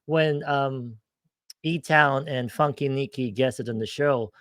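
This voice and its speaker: A man from the United States hosting a casual streamed chat show, talking excitably with lots of stammering restarts. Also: mid-range voice, slow, no echo. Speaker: podcast host.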